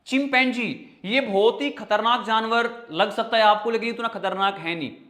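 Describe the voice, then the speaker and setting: A high-pitched man with a sharp tone and normal speed teaches an online English vocabulary class in a Hindi accent. He spells out words in fragments, asks and answers his own questions, and calls students brother and child.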